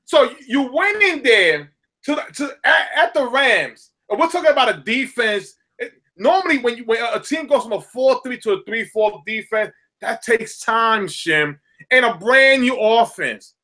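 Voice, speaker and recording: A man's voice: very high voice, expressive, normal speed, sharp tone. A man co-hosting a casual sports podcast with a Southern US accent, ranting animatedly and repeating words as he builds up. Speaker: sports talk co-host.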